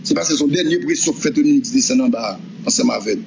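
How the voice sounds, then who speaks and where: A man giving an animated account of events, often voicing other people's words. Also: medium pitch, fast, vocal fry. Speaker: person recounting events. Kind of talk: spoken testimony. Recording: dull noisy recording.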